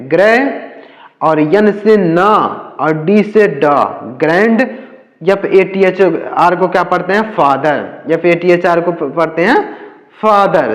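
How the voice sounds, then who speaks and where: A man teaching English reading in Hindi, spelling words out letter by letter and asking the class questions that he answers himself. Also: high-pitched. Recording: echoey room with long reverb.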